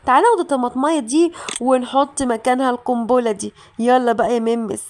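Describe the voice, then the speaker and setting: Excitable Egyptian woman narrating gameplay. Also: fairly high pitch, quick pace, slight background noise. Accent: Egyptian Arabic. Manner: excitable, chatty, talks straight to viewers with sudden shouted reactions. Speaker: gaming channel host. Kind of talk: mobile game playthrough commentary.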